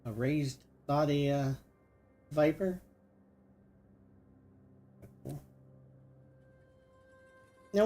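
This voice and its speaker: A man's voice: mid-range voice, dark tone. A middle-aged man giving casual commentary while he plays, thinking aloud with lots of fillers. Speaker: gaming streamer.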